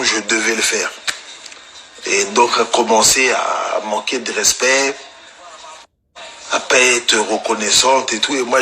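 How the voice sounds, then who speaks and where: Brief: young male storyteller, slangy and animated, with a bright, cutting voice. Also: medium pitch. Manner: slangy, animated street talk. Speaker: storyteller guest. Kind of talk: casual anecdote telling.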